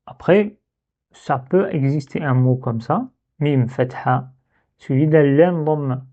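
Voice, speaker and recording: A man's voice: on the high side, slow, warm tone. A man teaching Arabic letter reading in a step-by-step lesson, patiently repeating syllables to demonstrate. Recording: tinny phone-like sound.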